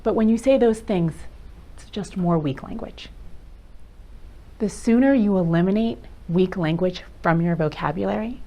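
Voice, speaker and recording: A woman's voice: medium pitch, normal speed, dark tone, dull audio. Female workshop presenter, direct delivery, quizzes a live audience. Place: meeting room with a live audience.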